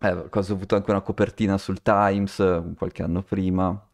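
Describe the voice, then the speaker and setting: Rambling low-voiced Italian-speaking man. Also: level tone, moderate pace. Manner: rambling, many restarts and fillers, laughs while telling. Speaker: podcast co-host. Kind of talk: casual chat and storytelling.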